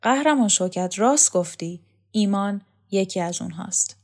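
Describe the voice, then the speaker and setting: A woman voicing an earnest, thoughtful young man in an audiobook, soft-spoken. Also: mid-range voice, expressive, lightly acted. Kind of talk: audiobook character voice.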